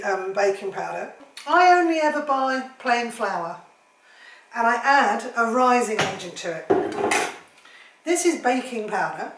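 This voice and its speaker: Brief: woman home cook, higher register, talks nonstop with jokey asides, recorded in an echoey kitchen with clattering pots and cutlery. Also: fairly bright tone, a little hiss or hum. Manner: chatty, rambling, jokey asides. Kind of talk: cooking demonstration.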